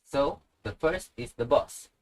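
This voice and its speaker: Slow, patient male language tutor. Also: mid-range voice, animated, rough recording. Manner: patient, repeats each example word slowly. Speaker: language teacher.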